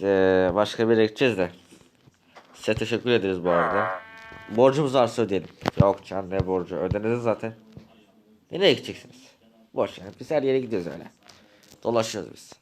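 A man's voice: on the low side, slight background noise. A man acting out characters in a Minecraft role-play, talking in a casual, easygoing way. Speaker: video creator acting several characters.

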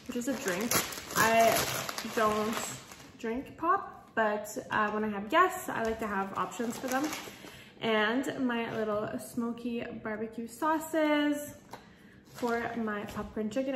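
Casting: chatty young female vlogger, slightly high voice, echoey room with some noise, eating on camera. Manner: chatty and bubbly, laughs between phrases. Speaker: vlogger host. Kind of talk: casual chat mukbang vlog.

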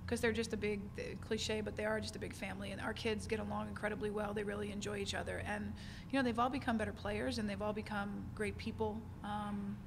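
Gravelly-voiced woman coach at a postgame presser, flat even delivery, lots of um and you know, noisy room. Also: mid-range voice, fast, few pauses. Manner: earnest, candid, many fillers and restarts. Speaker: head basketball coach. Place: press conference room with sponsor backdrop. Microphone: table mic in front of her.

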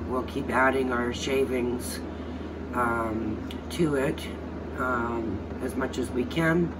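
Chatty man vlogging at home, distant mic. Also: mid-range voice. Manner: chatty, thinking aloud with fillers. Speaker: soap-making vlogger. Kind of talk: casual how-to vlog. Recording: distant mic, air-conditioner hum.

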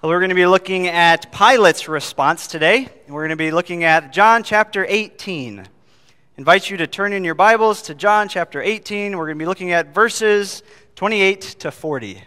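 A man preaching an earnest sermon to his congregation, his voice bright and forceful. The sound is crisp and resonant, recorded dry and close with no room echo. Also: sits high, normal speed. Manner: earnest, asks the congregation questions. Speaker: pastor. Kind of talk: sermon with scripture reading.

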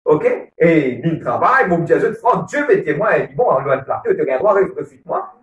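A man with a Mauritian Creole accent speaks earnestly about marriage at a church gathering, repeating his points and often asking "ok?". He's a married churchgoer on a couples program, his voice fairly high, very animated and moderately paced. Heard from far off the mic, the casual church talk sounds muffled, with a roomy echo.

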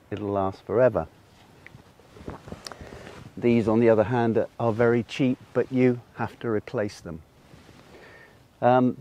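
This solar cooking presenter is an older man wearing a lapel mic, calmly explaining an unscripted demonstration in an outdoor garden with plenty of ums. He speaks at a mid-range pitch with a warm tone.

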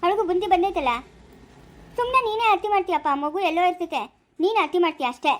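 A woman playing a shrill, quarrelsome village wife. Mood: complaining. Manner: scolding, complaining rapid speech. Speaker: family skit actor. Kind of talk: village family drama acting.

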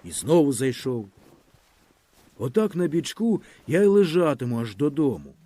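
A man reading a literary story aloud with lively, expressive storytelling in a boy's first-person voice. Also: fairly high pitch, normal speed, no echo. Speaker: audiobook narrator.

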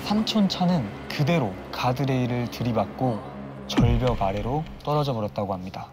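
A man telling a ghost story on a TV studio set, building suspense with drawn-out pauses. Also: mid-range voice, animated. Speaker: storyteller on a horror talk show. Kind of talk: dramatic ghost-story narration. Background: eerie background music.

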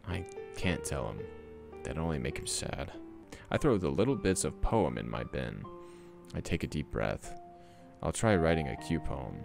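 A man's voice: extremely low pitch, expressive, moderate pace, gravelly, full character voice. A man reading as a sad teenage girl, Sayori. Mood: sad inner monologue. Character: cheerful teenage girl with hidden sadness. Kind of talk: reading game dialogue aloud. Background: background music.

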